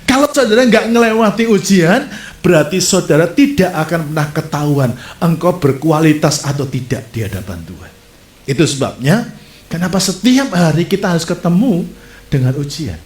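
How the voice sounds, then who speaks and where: A man preaching a sermon as a pastor, telling stories with lively gestures and speaking straight to his congregation. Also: fairly high pitch, moderate pace. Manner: animated storytelling preacher, addresses audience directly. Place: church. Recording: echoey church hall.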